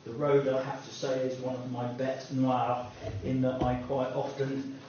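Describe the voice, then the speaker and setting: A man's voice: medium pitch, completely flat delivery, measured pace, darkish tone, slight background noise. A man preaching a sermon in a conversational, self-deprecating way with personal asides, recorded from a distance in an echoey hall. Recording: echoey distant room mic, dull sound.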